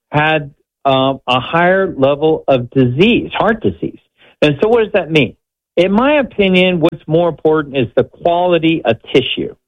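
A man speaking as a medical expert guest on a radio show, explaining conversationally in a halting, measured way. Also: fairly high pitch. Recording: slightly dull, band-limited audio.

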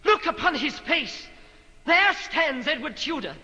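A man's voice: extremely high pitch, big pitch swings, measured pace, muffled recording, heavily acted. A young male actor playing an earnest pauper boy mistaken for a king, speaking impassioned, archaic lines in a theatrical period drama. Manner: impassioned, archaic formal diction. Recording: reverberant hall with faint noise.

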